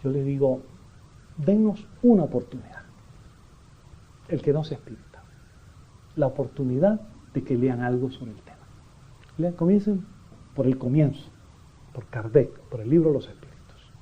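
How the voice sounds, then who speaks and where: A man giving a public lecture to an audience, animated and joking with listeners. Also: mid-range voice, normal speed, pauses often, breathy edge. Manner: animated, jokey asides to audience. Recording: dull lo-fi lecture recording.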